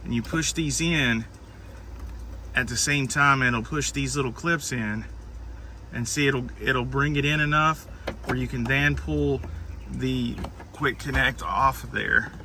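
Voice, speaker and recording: A man's voice: mid-range voice, measured pace, pushed and bright, slight background noise. A man giving a patient step-by-step car repair walkthrough, guiding a helper as he goes.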